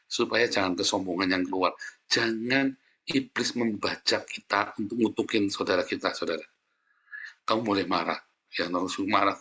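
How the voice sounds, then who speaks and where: A man preaching a sermon as a pastor, speaking in a lively, chatty way and often addressing listeners directly. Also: fairly low pitch, slightly rough.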